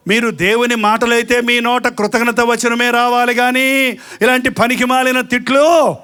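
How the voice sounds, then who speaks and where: A man preaches in a very high voice. He keeps asking the congregation questions, and he acts out both sides of quarrels as he makes his points. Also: little pitch movement, normal speed, bright, forceful tone, clean tone. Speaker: pastor. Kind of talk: sermon.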